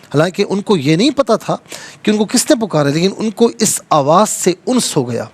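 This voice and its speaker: A man's voice: high voice, sing-song. Man teaching Quran recitation on TV. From Pakistan. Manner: corrects callers' recitation patiently. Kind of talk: religious lesson with live call-ins. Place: TV studio.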